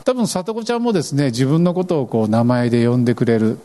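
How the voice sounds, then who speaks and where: A man preaching a sermon as pastor, animated and expressive, acting out scripture lines as he goes. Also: medium pitch, fast talker.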